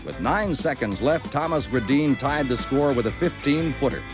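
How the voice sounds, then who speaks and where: American sportscaster over music. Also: male voice, mid-range voice, expressive, moderate pace. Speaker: sports announcer. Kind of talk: scripted highlight narration and hockey commentary.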